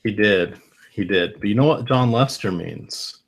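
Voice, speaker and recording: Male co-host, lowish voice, halting and self-correcting, on a web call. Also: gravelly. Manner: hesitant, restarts phrases often. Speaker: co-host analyst. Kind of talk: fantasy baseball analysis chat. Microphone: online call.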